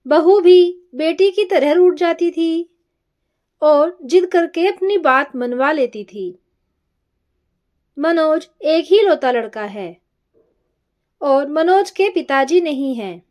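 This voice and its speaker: A woman storyteller narrating a family story in a gentle, measured reading style. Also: high-pitched, muffled recording.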